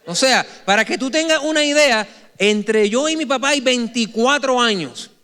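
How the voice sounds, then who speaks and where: A man's voice: extremely high pitch, moderate pace, sharp tone. A man in his forties, a pastor, preaching a sermon to his congregation in a church, telling stories animatedly and joking with the people, often restarting his phrases. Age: 40s. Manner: frequent self-corrections and restarts. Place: church sanctuary before a congregation.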